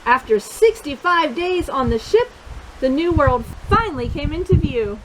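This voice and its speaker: At a moderate pace, a woman with a high, very animated voice reads a children's picture book aloud, her pitch swinging widely. She speaks directly and encouragingly to young listeners, asking them questions, while a steady hiss runs in the background.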